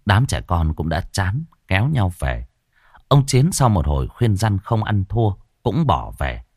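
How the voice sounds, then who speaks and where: Brief: expressive male horror narrator, low and animated, faint music behind. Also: unhurried, slightly rough, no room sound, clean studio sound. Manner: expressive storytelling. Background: faint background music.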